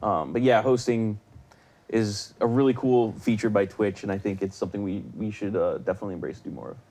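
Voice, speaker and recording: A man's voice: fairly low pitch, brisk, mellow. A man hosting a live game stream, chatting casually with lots of fillers and restarts. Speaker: live show host.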